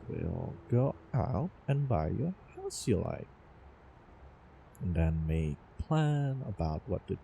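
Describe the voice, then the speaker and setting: In an intimate roleplay audio drama, a man voices an obsessively devoted, doting lover who travels through time, coaxing the listener slowly with over-the-top devotion. His fairly low, mellow voice has vocal fry and is deliberately exaggerated. A light noise bed of background ambience sits under the recording.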